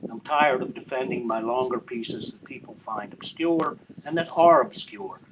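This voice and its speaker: An older man at an open mic, slowly and hesitantly introducing his short poems before reading them. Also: mid-range voice, slight background noise, poor audio. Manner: slow, rambling, hesitant.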